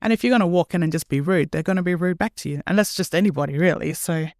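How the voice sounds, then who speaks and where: A woman's voice: on the low side, fast talker, darkish tone, dry recording, studio quality. A young woman, a nurse, answering interview questions in a chatty, earnest way and laughing at herself now and then. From Australia. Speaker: nurse and podcast guest.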